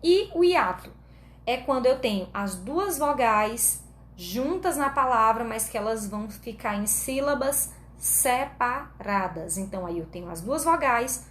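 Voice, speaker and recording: A woman's voice: on the high side, animated, a little slow. A woman teacher with a Brazilian Portuguese accent giving an online grammar lesson, explaining patiently step by step and checking in with her students often. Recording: echoey room with faint background noise.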